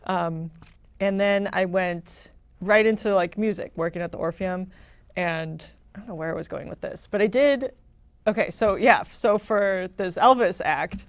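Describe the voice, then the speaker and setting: Young adult woman, mid-pitch, loose and chatty guest, laughs a lot; dry, close recording. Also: unhurried, no echo. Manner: rambling, lots of "like", frequent laughter. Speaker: guest, [name] impersonator. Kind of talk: casual podcast interview chat.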